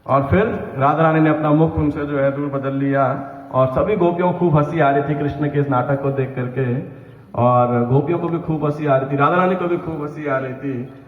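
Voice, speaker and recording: A man guiding pilgrims, telling a devotional story in a lecture style, often asking his listeners "right?" as he goes. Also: medium pitch. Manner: narrates devotional stories with quoted dialogue, frequent "है ना?". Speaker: pilgrimage guide. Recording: echoey hall over a tinny phone-like line.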